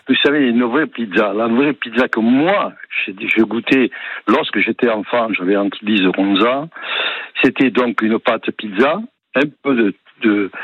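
An older man born in Italy calling in to a radio show, sounding relaxed and good-humored. His voice is husky and dry. It comes through a muffled, dull phone line. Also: medium pitch, no room sound. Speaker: radio caller.

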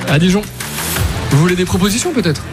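Quick-paced and animated, a high-voiced man hosts a radio quiz at a trade fair, joking, teasing and chatting casually with contestants. Music plays in the background throughout.

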